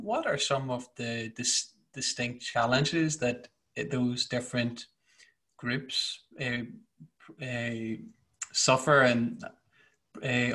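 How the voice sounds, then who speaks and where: Man asking halting interview questions. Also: mid-range voice, pushed and bright. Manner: halting, careful questions with fillers.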